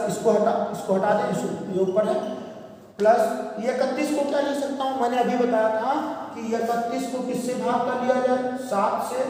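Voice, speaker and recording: Very high-pitched man teaching in an echoey room. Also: darkish tone. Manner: asks questions and answers them himself. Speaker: reasoning teacher. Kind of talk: classroom math lesson. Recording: echoey room, voice far from the mic.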